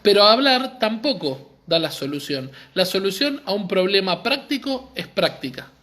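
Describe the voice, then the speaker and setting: An Argentine-accented man speaking for a community library gives an earnest live-streamed explanation, frequently checking in with his audience. His high voice sounds animated, pushed and bright, at a moderate pace.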